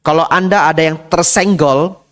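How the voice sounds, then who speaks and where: A man's voice: a little high, normal speed. A man giving a dharma talk as a Buddhist monk, asking his listeners rhetorical questions and mixing English phrases into his talk. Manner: lively, asks the audience rhetorical questions.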